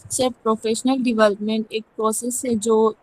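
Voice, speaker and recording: A woman's voice: on the high side, level tone, darkish tone, low-quality recording. A female student answering an online oral exam, her voice breaking up over a bad call connection and hesitant as she keeps addressing her teacher. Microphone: online video call.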